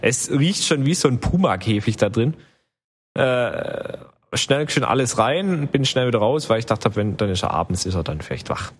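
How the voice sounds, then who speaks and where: A man's voice: medium pitch, very animated, moderate pace, breathy edge. A man telling a long travel story in casual chat, rambling with many fillers. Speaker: podcast co-host telling travel stories.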